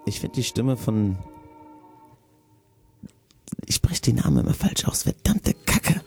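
A man's voice: mid-range voice, sing-song, moderate pace, vocal fry, a little mellow, faint music behind. A man hosting a casual studio chat, rambling and searching for his words. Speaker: host.

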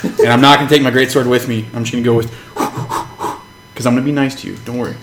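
A man's voice: medium pitch, steady tone, fast, background noise. A man playing a tabletop role-playing game, chatting with the group in informal, slangy language. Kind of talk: casual gaming chat. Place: room with a group of players. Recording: echoey room with chatter behind.

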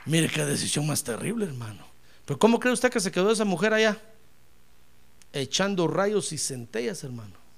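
A man's voice: on the high side, big pitch swings, normal speed, vocal fry, a little hiss or hum. A man preaching a sermon, speaking emphatically and often calling his listener brother.

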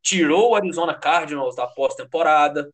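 A man's voice: a little high, a little fast. A man with a Brazilian Portuguese accent in casual, heated sports chat, slangy and emphatic, swearing and repeating phrases for emphasis. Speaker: American football fan commentator.

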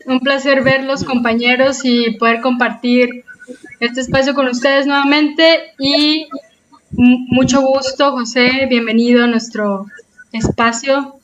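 A woman's voice: high-pitched, fairly even intonation, measured pace. A woman, speaking casually as a talk show panelist. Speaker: panel co-host. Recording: dull, noisy lo-fi connection.

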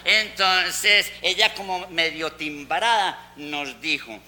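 A man putting on a chatty old paisa lady with a high, piercing voice. She spins her story with wry asides and quoted bits of talk. A light hiss sits under the sound. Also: takes it slowly, pushed and bright, full character voice. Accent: Antioquian Colombian. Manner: chatty, wry, lots of mock-quoted dialogue. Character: gossipy old Antioquian woman telling a trip tale. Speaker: comic storyteller. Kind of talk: comic stage monologue. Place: school fair stage.

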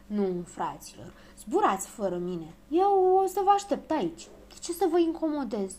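A woman's voice: high voice, big pitch swings, a little mellow, pitched above the performer's own voice. A woman reading aloud, voicing a fussy, obliging little male dwarf who talks politely and frets. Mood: fretful. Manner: polite, fretful and self-effacing.

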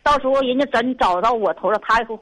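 A woman's voice: fairly high pitch, fast, a bit bright, rough recording. Exasperated Northeastern woman caller. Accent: Northeastern Mandarin. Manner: exasperated, sighing, rambling. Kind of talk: call-in conversation.

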